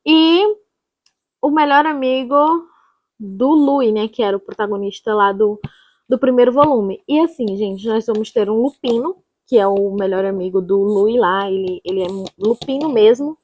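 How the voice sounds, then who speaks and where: A woman's voice: medium pitch, moderate pace, darkish tone, dry recording. A Brazilian woman chatting casually as a book vlogger, informal and rambling, often correcting herself. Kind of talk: casual chatty reading vlog.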